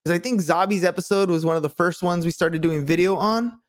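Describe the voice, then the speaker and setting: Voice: medium pitch, a little fast. A podcast co-host talking casually and motivationally, earnest and rambling, often checking that the listener agrees.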